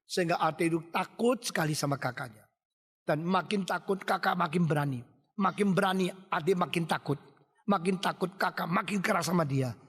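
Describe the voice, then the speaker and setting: A man's voice: high-pitched, fairly bright tone. A man preaching, telling a story in a vivid, repetitive storytelling cadence. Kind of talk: sermon storytelling. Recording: long hall reverb.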